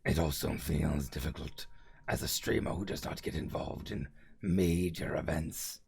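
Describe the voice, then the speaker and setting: A man putting on a deep gravelly demon voice. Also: unhurried, darkish tone, full character voice. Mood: stiffly formal. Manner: stilted formal wording. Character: deep gravelly male demon, stiffly formal. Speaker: streamer. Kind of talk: casual live-stream chat.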